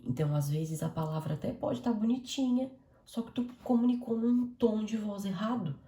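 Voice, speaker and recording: A woman giving a casual devotional talk on a live stream, talking fast and speaking straight to her listeners. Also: medium pitch, reverberant. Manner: fast, warm-hearted, conversational, addresses audience as "gente".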